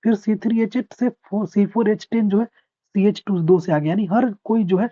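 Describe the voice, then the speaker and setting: A man teaching a chemistry revision class. He explains patiently, repeats key points, reads English definitions slowly and asks his students whether they understood. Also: high voice, dark tone. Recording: dull lo-fi recording.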